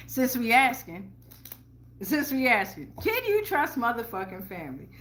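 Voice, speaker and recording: A tarot reader hosting a show gives her followers a casual spiritual reading in a high, bright voice. She's blunt and slangy, swears heavily, and repeats phrases for emphasis.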